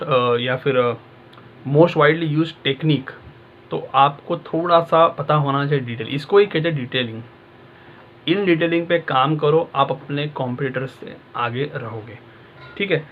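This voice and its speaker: A man's voice: on the high side, muffled recording, a little hiss or hum. A male exam-prep tutor talking casually and directly to his students, in a conversational coaching manner.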